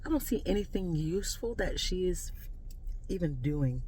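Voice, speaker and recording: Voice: mid-range voice, lively intonation, moderate pace, darkish tone. Blunt American vlogger over background noise. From United States. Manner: blunt, exasperated, emphatic. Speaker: video creator giving political commentary. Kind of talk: casual unscripted political rant.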